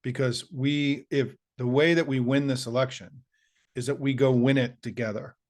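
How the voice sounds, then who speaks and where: Hoarse man giving an upbeat rallying talk. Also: mid-range voice, steady tone, normal speed, a little mellow. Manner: earnest, upbeat, rallying, with listing and asides. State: slightly hoarse, squeaky voice. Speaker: political commentator hosting his show. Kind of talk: direct-to-camera political pep talk.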